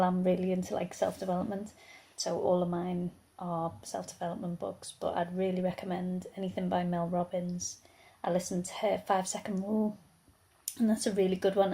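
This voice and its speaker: A tired young woman vlogging about her day as a stay-at-home mum. She rambles in a casual, chatty way and fills her pauses with ums. She sounds worn out and run down. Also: medium pitch, a little mellow. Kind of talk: casual vlog chat.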